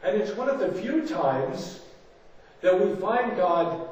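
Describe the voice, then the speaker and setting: Male rabbi, fairly high voice, storytelling sermon; distant, reverberant sanctuary pickup. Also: sing-song, slow pace, a little mellow. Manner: dramatic storytelling, acting out quoted voices. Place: large synagogue sanctuary. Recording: echoey hall, distant dull mic.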